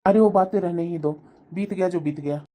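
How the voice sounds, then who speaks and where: A woman voicing a young, easygoing husband in a cartoon who calms his wife down and explains. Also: fairly low pitch, brisk, natural voice. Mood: calming. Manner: calming, easygoing. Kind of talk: animated cartoon voice acting.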